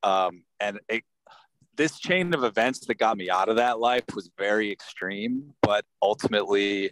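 A man's voice comes through a car speakerphone, a little distant, as he drives and chats. He sits low in pitch and rambles loosely, full of fillers. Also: moderate pace, fairly bright tone, no room sound. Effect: car speakerphone while driving. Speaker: podcaster and astrologer. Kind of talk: casual panel chat over a call.

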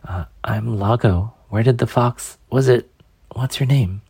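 A man's voice: medium pitch, measured pace, gravelly, warm tone, husky, no room sound, pitched above the performer's own voice, heavily acted. A man voicing a frightened young man who stammers and speaks in a flustered way.

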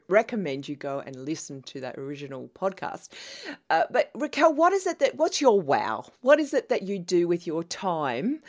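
A woman with a notably low voice hosts a podcast, introducing her guest with enthusiasm. The sound is dry and close, with no room echo. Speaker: podcast host. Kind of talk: podcast interview.

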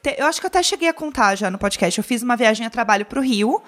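A woman's voice: a little high, lively intonation, rapid-fire, a bit bright. A woman co-hosting a podcast, telling a story in casual chat and quoting herself expressively. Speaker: podcast host.

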